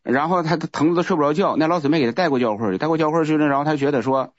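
Man, rapid rambling testimony, slightly high voice, muffled dry recording. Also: dry recording. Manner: rambling, repeats words, restarts often. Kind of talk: casual spoken testimony.

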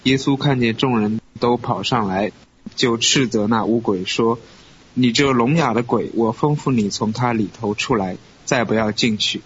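A man reading scripture aloud at a steady, measured pace in a Bible study program. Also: medium pitch. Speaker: scripture reader. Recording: dull lo-fi recording with faint hiss.

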